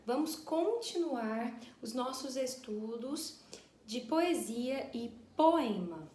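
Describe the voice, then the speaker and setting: A woman's voice: fairly high pitch, a little mellow. A woman teacher giving a school lesson, explaining step by step in an affectionate way. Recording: echoey room.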